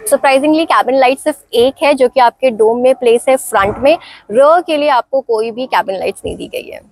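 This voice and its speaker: A woman's voice: high voice, expressive, a little fast, poor audio. A woman with an Indian accent narrating a walk-around car review, mixing English phrases in and explaining each feature in turn. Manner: mixes Hindi with English phrases.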